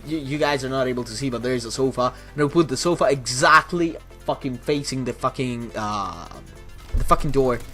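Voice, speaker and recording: A young Italian man with an Italian accent, a YouTuber and streamer, answers viewer questions in a casual vlog. His mid-range voice is pushed and bright, and he rambles, swears often, and restarts frequently.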